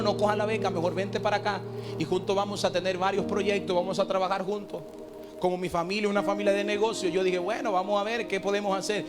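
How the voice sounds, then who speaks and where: Young male preacher, high voice, fervent sermon delivery, loud music bed. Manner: impassioned storytelling, building to shouts. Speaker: pastor.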